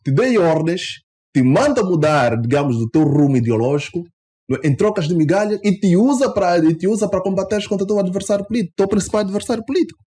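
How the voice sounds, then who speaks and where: A man's voice: high-pitched, expressive, fast talker, warm tone. Emphatic Angolan man, radio guest. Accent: Angolan Portuguese. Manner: emphatic, rises sharply when indignant. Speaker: interview guest, party member. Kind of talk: radio interview. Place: radio studio.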